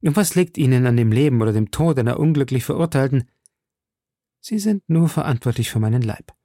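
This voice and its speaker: A man's voice: mid-range voice, expressive, a little fast, warm tone, no room sound, clean studio sound, natural voice. A man reading an audiobook, voicing a captive noblewoman who pleads fervently and passionately. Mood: pleading. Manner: impassioned, pleading.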